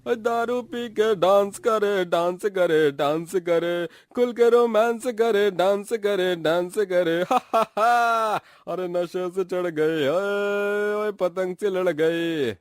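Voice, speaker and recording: A man acting out a drunken village husband in a storybook cartoon. He taunts and threatens in a high, slow drawl, with a dry, close sound. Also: no echo, natural voice.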